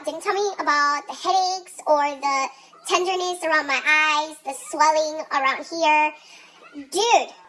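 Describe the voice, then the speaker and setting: A woman's voice: sits high, a bit bright, low-quality recording. A young woman with a congested, blocked-nose sound, telling a story casually in exasperated, sweary, emphatic slang.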